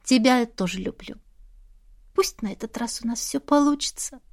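A woman voicing a spirited young heroine, the eldest sister, in an audiobook, with a lively, warm manner. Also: fairly high pitch, moderate pace, lightly acted. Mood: playful.

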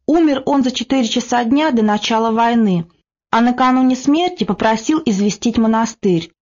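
A woman narrates classic prose in an even, measured way, her voice sitting fairly high. The recording is dull and lo-fi, with the top end missing. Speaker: audiobook narrator. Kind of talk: scripted narration.

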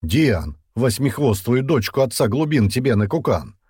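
A man voicing a gruff, grumbling male night boss who curses and shouts, in an audiobook. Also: lowish voice, very animated, normal speed, no echo, studio quality, pitched above the performer's own voice. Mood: furious. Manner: rough, cursing, shouting.

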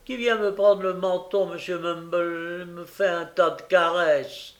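Storybook figure: man voicing a young male drunk glutton, high strained whine. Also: steady tone, measured pace. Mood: whining. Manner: whining, tipsy, high-pitched complaining. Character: drunk greedy young male undertaker's apprentice, whiny.

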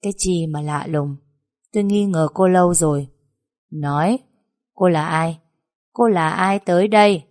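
A teasing young master of a wealthy house, as a woman reads him, his voice low and mellow. He switches between playful coaxing and a cold, probing edge, as in a spoken storybook. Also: lively intonation, unhurried. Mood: menacing. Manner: teasing, then coldly probing.

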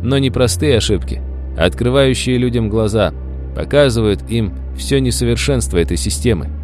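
A man voicing a calm middle-aged settler who explains things in a measured way. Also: mid-range voice, faint music behind, voice pushed up, lightly acted.

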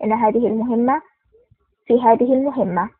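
A woman's voice: a little high, a little fast, slightly rough, no room sound. A woman voicing an impatient, commanding male intelligence chief in an audiobook. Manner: brusque and commanding. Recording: tinny phone-like sound.

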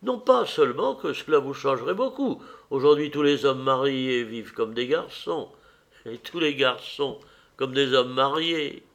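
A man voicing an old society hostess, a bossy matchmaker who talks in a fussy, commanding way with a raised, fluttery pitch. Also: expressive, measured pace, a bit bright. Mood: chiding.

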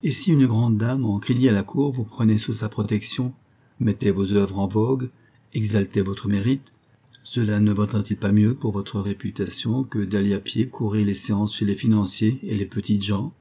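A man's voice: lowish voice, fairly even intonation, normal speed, dark tone, breathy edge. A man voicing a sinister, mysterious male stranger who speaks insistently and with menace in an audiobook. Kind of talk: audiobook character voice.

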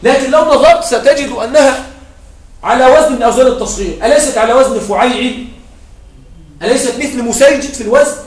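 A man's voice: extremely high pitch, fast talker. A man teaching grammar in a classroom lecture, repeating his points and checking understanding with short questions. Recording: echoey room, mic far off.

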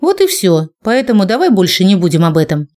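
A woman reading a story aloud who, as the heroine, puts on a cold, flat, metallic robot-like voice to end an argument. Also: mid-range voice, fairly quick, lightly acted. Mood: cold, final. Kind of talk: audiobook narration with acted dialogue.

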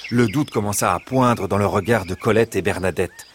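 A man narrating a children's bedtime story in an expressive, dramatic storytelling manner. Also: on the low side, moderate pace, a little hiss or hum.

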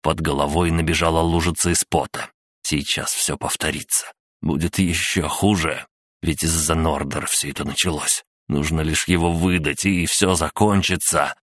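A man reading a grim fantasy audiobook in a measured, scripted narration. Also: rumbling low, fairly even intonation, fairly bright tone, no echo, clean studio sound.

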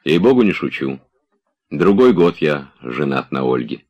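A man's voice: extremely low pitch, sing-song, measured pace, a little mellow, lo-fi sound, heavily acted. A man doing an insistent, cheerful friend. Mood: persuading. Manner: persuasive, insistent. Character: warm, energetic friend, firm and cheerful.

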